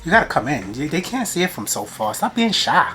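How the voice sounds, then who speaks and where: A woman's voice: low-pitched, sing-song, fairly quick, a bit bright, slight background noise. A woman hosting an eating show, chewing as she talks casually to viewers in playful, slangy, repetitive phrases. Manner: playful, repeats phrases, informal slangy speech. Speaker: mukbang host.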